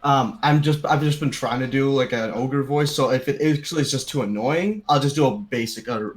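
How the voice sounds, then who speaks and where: A man talks casually as a player at a tabletop game, at a mid pitch. He explains himself in a relaxed, easygoing way with a few fillers. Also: brisk. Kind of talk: casual chat.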